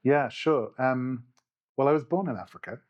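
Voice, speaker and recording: This guest researcher grew up in the UK and often restarts his sentences during a thoughtful conversational interview. He has a mid-range voice at a moderate pace, and the recording sounds muffled.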